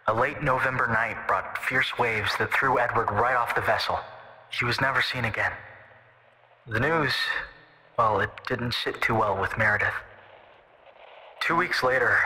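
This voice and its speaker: Music runs under a reverberant recording as a man with a sharp, mid-range voice plays a call-in guest in a fan audio drama. The touchy young man he portrays answers curtly and gruffly, then tells a local ghost story slowly.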